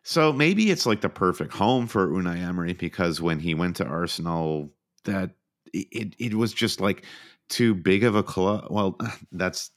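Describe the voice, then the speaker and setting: A man's voice: sits low, lively intonation, moderate pace. A man co-hosting a casual football podcast, laying out earnest, opinionated analysis in long run-on sentences. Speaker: podcast co-host.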